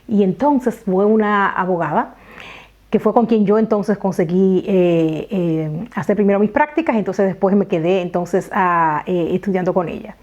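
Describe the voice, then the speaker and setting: A Dominican woman from the Dominican Republic telling a personal story in a vlog, lively and talking straight to her viewers. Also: medium pitch, moderate pace. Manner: animated storytelling, talks straight to viewers, many "entonces". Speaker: vlogger. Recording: slightly dull lo-fi audio.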